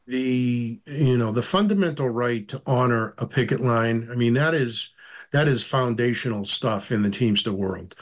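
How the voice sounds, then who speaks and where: A middle-aged or older man giving unscripted interview answers as a guest, with halting, deliberate phrasing. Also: medium pitch. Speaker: union director, interview guest.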